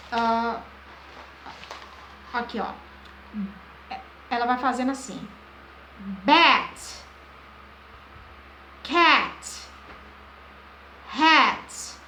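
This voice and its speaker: A woman with a fairly high voice teaches phonics informally, pausing and repeating filler words as she searches for what to say. She talks very slowly and draws out her explanations. The recording sounds roomy, with a faint hum of noise behind her. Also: fairly bright tone. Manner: slow, drawn-out explanations. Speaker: English teacher. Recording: echoey room with faint background noise.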